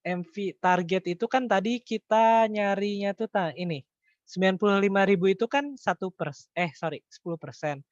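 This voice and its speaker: An accounting tutor with a slightly high voice gives an informal online lesson, thinking aloud as he works through calculations. He speaks haltingly, mumbling figures while checking in with his listeners. The lo-fi call audio is dull and echoey, as if from a roomy space.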